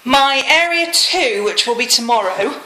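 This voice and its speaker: British woman vlogger, bright but slightly wheezy voice. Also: a little high, animated, measured pace. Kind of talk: casual chatty vlog. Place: rooms at home, indoors. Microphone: handheld phone or camera. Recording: echoey room, some noise and clicks.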